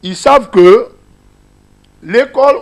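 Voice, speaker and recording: A man's voice: extremely high pitch, slow pace, creaky. A man with a Guinean French accent teaching a class, explaining a reading method step by step and asking his listeners questions.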